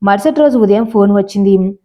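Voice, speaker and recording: A woman narrating a scripted story in a plain, steady storytelling manner. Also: mid-range voice, fairly quick. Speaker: audiobook narrator. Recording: slightly dull lo-fi audio.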